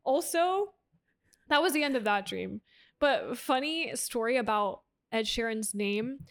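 A woman's voice: fairly high pitch, expressive, a little slow, a bit bright. A young woman co-hosting a podcast, telling stories in a casual, giggly way and saying "like" a lot. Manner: giggly, storytelling, heavy on "like". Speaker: podcast co-host. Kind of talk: casual chat.

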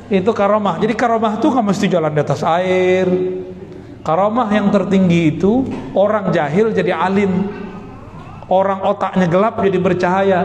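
A man's voice: high voice, darkish tone, slight background noise. A man giving a religious lecture as a preacher, telling stories with animation and putting questions to his audience. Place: hall with long reverb. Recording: echoey hall, faint background ambience.

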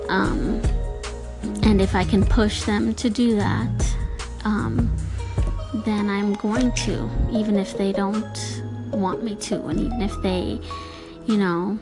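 Female personal vlogger, mid-range voice, thoughtful and halting, talking casually over clear background music. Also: mid-range voice. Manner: halting, thoughtful, searching for words. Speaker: host of a personal audio vlog. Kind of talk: reflective casual monologue.

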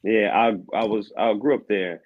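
Over narrow, tinny audio, a man with a fairly low, steady voice talks a little slowly. He's a thirtysomething vocal coach and assistant pastor from Aberdeen, Maryland, guesting on a podcast in a relaxed, casual way, laughing often and repeatedly saying "man."

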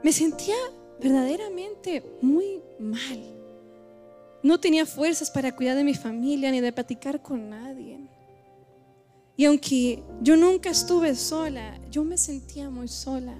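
A woman gives an emotional church testimony, heartfelt and halting, repeating her phrases. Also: sits high, warm tone, soft background music. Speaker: church member giving testimony.

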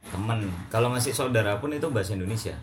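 Low-voiced man rattling off a story quickly, podcast guest, faint hiss. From Situbondo, East Java. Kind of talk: casual podcast chat.

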